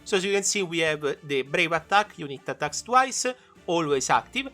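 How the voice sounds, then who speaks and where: A man's voice: a little high, lively intonation, normal speed, bright, forceful tone, soft background music. A man hosting a gaming video, giving casual showcase commentary.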